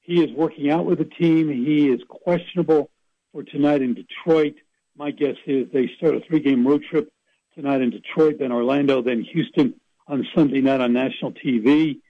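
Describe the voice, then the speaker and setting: A man's voice: a little high, fairly even intonation, normal speed, no echo, highs cut off. A man calling in to a radio show as a sports reporter, chatting casually with rambling, folksy asides. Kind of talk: casual radio phone-in chat.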